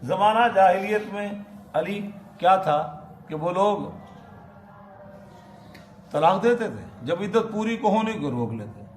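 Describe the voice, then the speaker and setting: A man's voice: sits high, expressive, unhurried, pauses often. A man with a Pakistani Urdu accent giving a Quran lesson in a mosque, reciting Arabic verses and explaining them with questions to the congregation. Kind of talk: mosque sermon, Quran commentary. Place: mosque hall. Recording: echoey mosque hall, faint noise.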